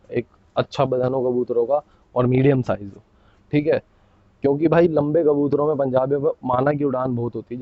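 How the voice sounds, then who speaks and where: A man showing his pigeons to the camera in a casual, chatty way, often tagging his sentences with a quick "okay?". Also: medium pitch, dry recording, highs cut off. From India. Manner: chatty, keeps saying "bhai" and "theek hai". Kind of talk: casual hands-on show-and-tell.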